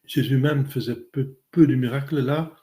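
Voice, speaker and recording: A man, a priest giving a catechism talk and answering questions in a halting way with many fillers. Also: mid-range voice, warm tone.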